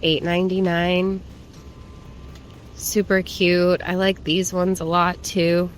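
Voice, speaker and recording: A woman's voice: fairly low pitch, little pitch movement, takes it slowly, a little hiss or hum. A woman chatting casually to viewers in a shopping haul vlog, informal and rambling as she browses and remarks on items. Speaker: plant shopping vlogger. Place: plant shop.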